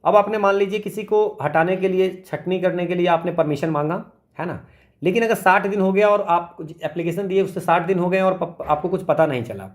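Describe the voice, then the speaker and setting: A man's voice: high voice, a little fast. A man teaching an exam revision lecture, explaining step by step, asking rhetorical questions and checking in often with tag questions. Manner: frequent tag questions like "है ना" and "ठीक है".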